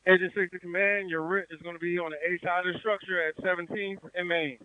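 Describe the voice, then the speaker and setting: A man's voice: high-pitched, steady tone, quick pace, slight background noise. A man making a firefighter's report to command over radio. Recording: tinny fire radio with clicks.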